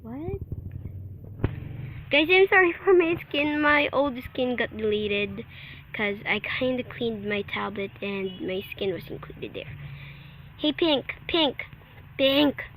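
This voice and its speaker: A woman's voice: on the high side, expressive, slow, pauses often, a bit bright. A woman who sounds under the weather, giving casual commentary as host of a gaming video. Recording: noisy home recording with clicks.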